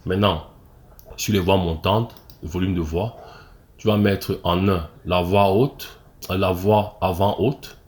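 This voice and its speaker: A man with a Cameroonian French accent, an acting coach explaining step by step, with fillers and restarts and frequent "ok?" checks. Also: low-pitched. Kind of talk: screen-recorded tutorial.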